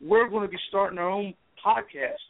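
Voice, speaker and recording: A man's voice: high-pitched, moderate pace, gravelly, no echo. A man calling into a talk show, delivering a heated, profane political rant. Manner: profane, fired-up, repetitive. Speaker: call-in guest. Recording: tinny phone line.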